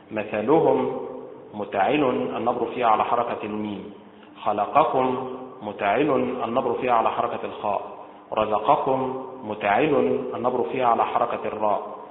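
A man teaching Quranic recitation in a methodical lesson, repeating each word several times to contrast correct and incorrect stress. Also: medium pitch. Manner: methodical, drills words by repeating contrasting pronunciations. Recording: tinny phone-like audio in a roomy echoing space.

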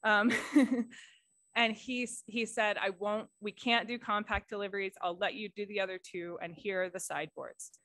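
An American woman tells a story during a board meeting report, candid and chatty as she quotes colleagues. Her pitch sits in an ordinary middle range, and the sound is dry and close. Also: moderate pace, no room sound. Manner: candid, storytelling, quotes people in lively retellings. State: voice cracking with tears. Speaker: board member giving a report. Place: meeting room.

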